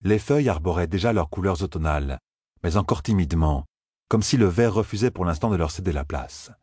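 A man reading an audiobook in a calm, measured storytelling manner. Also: low-pitched, husky, dry recording, clean studio sound. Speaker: narrator. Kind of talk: audiobook narration.

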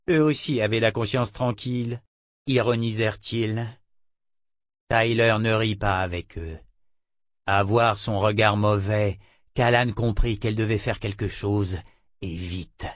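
Here a fairly low-pitched man narrates an audiobook at a measured, even pace. The recording is dry and of studio quality.

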